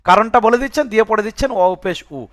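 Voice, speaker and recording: This is a spelling-out recitation lesson where a man with a high, slightly bright voice talks very fast, dividing Quran words into letters and vowel marks. He keeps checking with "বুঝে আসছে?" that the student follows. Studio quality, with no echo.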